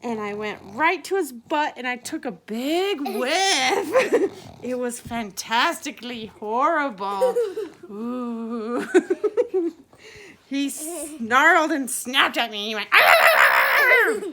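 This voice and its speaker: A woman's voice: high voice, animated, slow pace, sharp tone, a little hiss or hum. A woman telling a playful improvised story to a child, laughing often as she goes.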